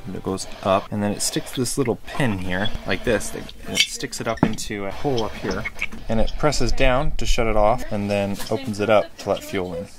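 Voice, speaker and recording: A man's voice: on the low side, moderate pace, over music. A young man outdoors beside machinery, chatting and thinking aloud as he works with his hands. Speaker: homestead vlogger. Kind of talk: casual hands-on explaining.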